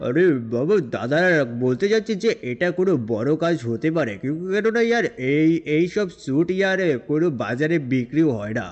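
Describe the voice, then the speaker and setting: Chatty high-voiced man playing a game hero. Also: very animated, brisk, few pauses, darkish tone, highs cut off. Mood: worried. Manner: rambling, chatty, repeats fillers. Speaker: gameplay narrator and role-player. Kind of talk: game role-play narration.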